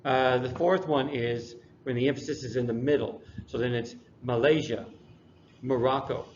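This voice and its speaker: A male English teacher walks through a lesson review in an easy, unhurried way, slipping in dry humor. His voice sits at a middle pitch. The recording is dull and lo-fi, with a faint hiss behind it. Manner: relaxed, dry classroom humor.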